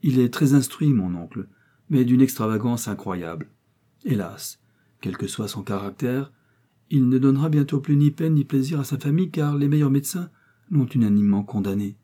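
A man voicing a shy, gentle young woman who answers softly in an audiobook. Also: medium pitch, animated, normal speed, voice pushed up, natural voice. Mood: sorrowful. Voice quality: soft, meek.

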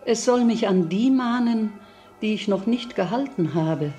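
An actress playing a pious older mother who talks of faith and gently admonishes her children, in a classic radio play. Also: medium pitch, lively intonation, measured pace, natural voice. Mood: devout. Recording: radio drama with faint music.

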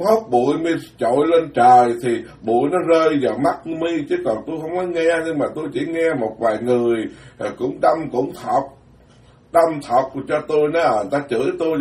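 A man, a Buddhist monk giving a dharma talk in a blunt, plain-spoken way, alternating quick asides with slow, weighty phrases. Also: a little high, darkish tone. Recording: roomy, distant mic.

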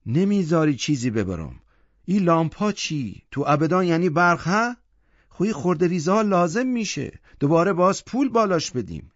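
A griping middle-aged mother, as a male storyteller puts her on, whining in a raised, shrill voice. The audiobook sound is dull and lo-fi. It is dry and close. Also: very animated, no room sound. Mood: complaining.

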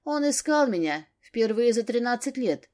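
A woman reading an audiobook, voicing a defensive, quick-tempered grown daughter. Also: on the high side, very animated, a little mellow, voice pushed up. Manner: flaring, defensive.

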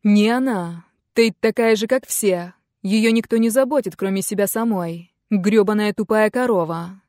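A woman voicing an angry fifteen-year-old boy in an audiobook, with loud, snarling, resentful lines. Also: medium pitch, lively intonation, normal speed, no room sound, studio quality, close to an everyday voice.

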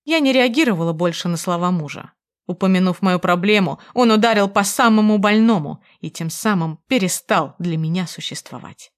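A woman narrating a first-person novel in a subdued, even reading voice. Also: on the low side, moderate pace. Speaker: audiobook narrator.

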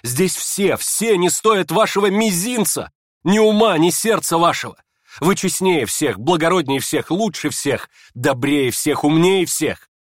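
A man reading aloud and voicing a proud young woman, furious and scornful, in shrill indignant outbursts. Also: lively intonation, measured pace, no echo, studio quality.

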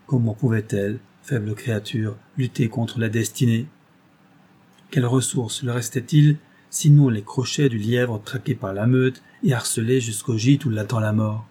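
A man narrating a classic novel as an audiobook in a steady, measured storytelling manner. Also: mid-range voice, a little hiss or hum.

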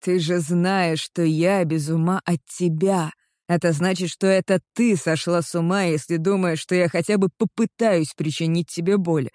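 A reader voicing an earnest young man in love in an audiobook, speaking slowly and sincerely. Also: mid-range voice, fairly even intonation, a little mellow, no echo, clean studio sound, lightly acted. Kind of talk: audiobook character reading.

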